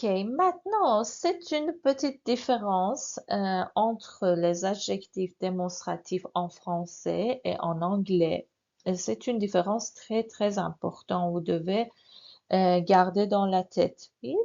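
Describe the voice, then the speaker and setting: A woman with a mid-range, darkish voice teaches a slow, repetitive French grammar lesson, repeating words for learners and checking in often with "oui" and "n'est-ce pas". The audio is dull and lo-fi.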